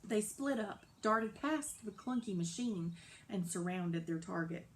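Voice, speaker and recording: A woman narrating a children's novel aloud in a lively, dramatic storybook style. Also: medium pitch, unhurried. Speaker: audiobook narrator.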